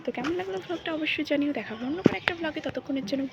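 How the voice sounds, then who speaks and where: Young woman, vlogger, slightly high voice, chatty, outdoor phone audio, background noise, birdsong. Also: very fast, vocal fry, dull audio. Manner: chatty, addresses viewers directly, often asks if they can see. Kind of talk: casual vlog talk to viewers. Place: outdoors in a garden.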